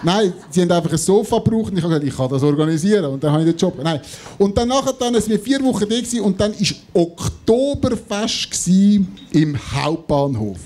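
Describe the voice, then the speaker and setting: A man in his thirties with a Swiss German accent, telling an anecdote live on stage in an animated way, acting out the dialogue. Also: sits high, fairly quick. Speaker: comedy show panellist. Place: on stage in a theatre before an audience. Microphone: handheld or stand microphone held close.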